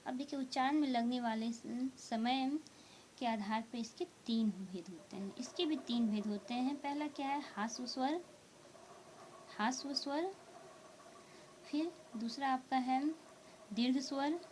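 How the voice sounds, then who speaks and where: A woman teaching a grammar lesson to students, explaining slowly and repeating each point with frequent check-ins. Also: fairly high pitch, darkish tone, slight background noise. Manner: slow, repetitive explaining with frequent "theek hai" check-ins. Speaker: Hindi teacher.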